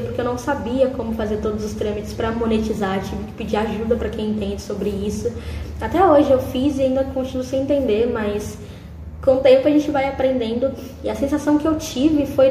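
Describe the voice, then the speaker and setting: A woman's voice: a little high, mellow, reverberant, slight background noise, rough recording. A woman in her twenties with a Brazilian Portuguese accent, a YouTuber guest talking in a friendly way and using lots of diminutives. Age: 20s. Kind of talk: casual podcast interview.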